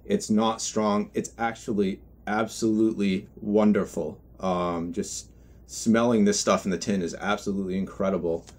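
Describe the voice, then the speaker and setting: A man giving an unscripted product review in a halting, reflective way, often correcting himself as he goes. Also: fairly low pitch, fairly even intonation. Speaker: pipe tobacco reviewer.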